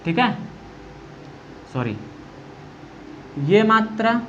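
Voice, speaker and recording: This grammar lecture for exam prep comes from a man whose high, slightly bright voice has a sing-song lilt and drawn-out words. Asking his own questions and answering them, he stretches vowels as demonstrations and dictates notes, all on a dull lo-fi recording with faint background noise.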